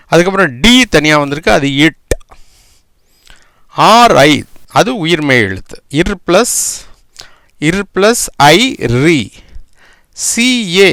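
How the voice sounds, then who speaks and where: Lively, gravelly-voiced male teacher. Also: a little high, no room sound, clean studio sound. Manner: spells out words letter by letter, often asks "right?". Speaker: English teacher. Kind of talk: spelling and pronunciation lesson.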